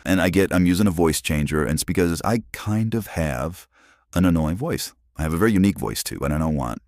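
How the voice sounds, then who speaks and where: The voice belongs to an Arizona channel host in his forties, darkish in tone and heavily deepened by a voice changer. Talking into a phone, he rambles casually and restarts often; the sound is studio quality with no echo.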